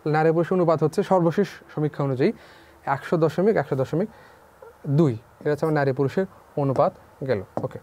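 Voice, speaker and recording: A man's voice: on the high side, fairly quick, pauses often, dark tone. A young man teaching an online class, asking questions and repeating the key figures back to his students.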